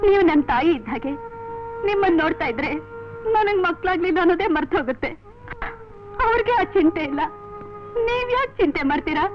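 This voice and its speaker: Brief: a soft-spoken young wife, very high voice, dull old film audio with music. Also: female voice, expressive, a little fast, long pauses. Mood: consoling. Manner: soft, consoling. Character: gentle young wife consoling her mother-in-law. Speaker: daughter-in-law.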